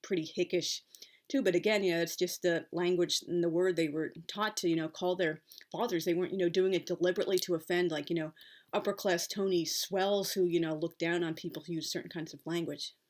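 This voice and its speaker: A woman with a Pittsburgh accent giving informal explanatory talk as a writer, in a halting, rambling and opinionated way. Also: lowish voice, steady tone. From Pittsburgh, Pennsylvania, United States. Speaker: writer giving writing advice.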